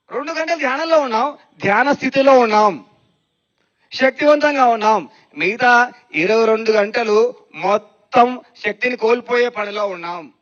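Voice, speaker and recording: Spiritual speaker, man, very high voice, lively, asks the crowd questions, dull lo-fi recording. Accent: Telugu. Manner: lively, questioning, repeats phrases for emphasis. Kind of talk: meditation discourse. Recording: dull lo-fi sound.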